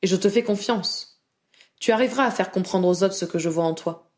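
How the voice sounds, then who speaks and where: Woman reader as a sincere young wizard, worried but reassuring, mellow. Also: mid-range voice, brisk, close to an everyday voice.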